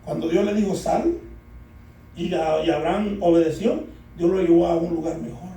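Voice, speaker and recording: Male preacher, very high voice, call-and-response sermon, recorded in a very reverberant church. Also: steady tone, moderate pace, warm tone. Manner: keeps calling out "amados hermanos" and asking the congregation to answer. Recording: echoey church hall, distant from mic.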